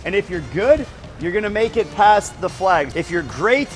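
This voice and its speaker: Outdoors by a swimming pool, a man in his thirties, working as a swim coach and presenter, guides a group through a demonstration and projects his instructions. He has a high, expressive voice at a moderate pace, with background music behind him.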